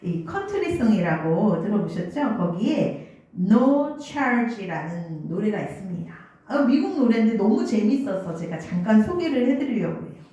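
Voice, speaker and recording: A woman's voice: mid-range voice, sing-song, a little slow, warm tone, dull audio. A woman pastor giving a sermon, telling stories and asking the congregation questions. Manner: storytelling, asks the congregation questions. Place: church sanctuary. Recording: very echoey church hall.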